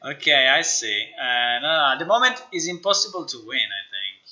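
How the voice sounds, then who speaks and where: On a live stream, a man with a very bright, forceful, sing-song voice at medium pitch talks fairly quickly and casually through his work from a computer indoors. English isn't his first language, and he mutters to himself, repeats phrases and swears freely. The audio is somewhat dull and lo-fi.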